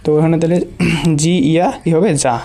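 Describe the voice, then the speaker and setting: Mellow-voiced teacher. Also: mid-range voice, fairly even intonation. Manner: slow, repeats each syllable several times while writing on a board. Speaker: Japanese language teacher. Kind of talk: patient step-by-step lesson.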